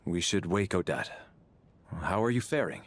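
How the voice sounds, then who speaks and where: A man's voice: low voice, expressive. A man voicing a formal, dutiful military agent in a video game. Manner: measured, formal, precise.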